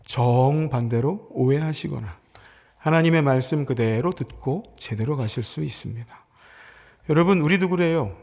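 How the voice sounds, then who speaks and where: A man preaching a sermon as pastor, earnest, slowing down and sinking to a whisper to stress his points. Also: mid-range voice, a little mellow. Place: church sanctuary. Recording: long reverb of a church sanctuary.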